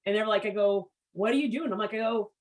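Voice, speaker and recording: A woman hosting a casual business interview, telling stories with lively acted-out quotes. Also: medium pitch, fast talker, rough recording. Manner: animated storyteller, acts out quotes. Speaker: podcast host.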